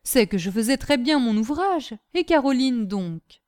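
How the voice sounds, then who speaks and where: A woman's voice: a little high, big pitch swings, a little slow, darkish tone. A woman doing a blunt, simple young manservant. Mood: plaintive. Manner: eager, indignant chatter. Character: simple-minded, blunt young male servant.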